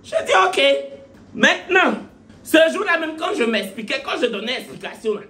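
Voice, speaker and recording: A man's voice: very high-pitched, very animated, fairly quick, sharp tone. A man doing stand-up, telling a story in a mocking manner with rhetorical questions. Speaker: comedian.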